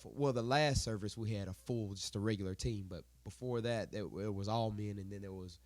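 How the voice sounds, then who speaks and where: A man's voice: fairly low pitch, brisk, slight background noise. A man, congested and worn from singing, chatting casually as a podcast co-host. He rambles, corrects himself and laughs often. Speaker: podcast co-host, worship leader. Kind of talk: casual chat.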